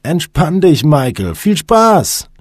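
A crude young prankster taunts his buddy in a loud, husky, lively voice, as a man voices him. He sounds rowdy and teasing. The recording is dry. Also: mid-range voice, fairly quick, dry recording, pitched above the performer's own voice. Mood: rowdy mocking. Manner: mocking, rowdy.

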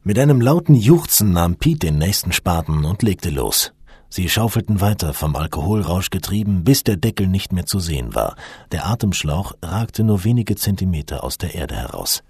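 A man reads an audiobook in a low, husky voice with a lively, varied melody. His storytelling is expressive. The recording is dry and close. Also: normal speed, no room sound. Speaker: audiobook narrator. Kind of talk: scripted narration.

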